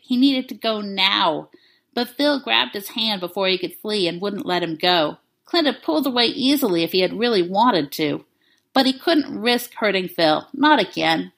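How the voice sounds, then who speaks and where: Woman calmly reading a story aloud. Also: mid-range voice, vocal fry. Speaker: narrator. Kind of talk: reading fan fiction aloud.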